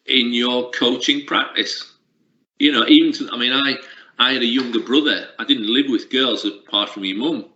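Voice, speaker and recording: In a lo-fi, roomy recording with slight background noise, a middle-aged lecturer in sports coaching reflects on interview questions. He restarts frequently and fills gaps with fillers. His mid-range voice moves at a moderate pace and sounds pushed and bright.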